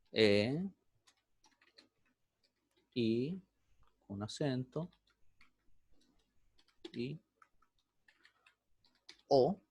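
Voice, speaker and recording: A man's voice: mid-range voice, dry recording. Man teaching a programming class. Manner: explains step by step, often checks in with "¿bien?".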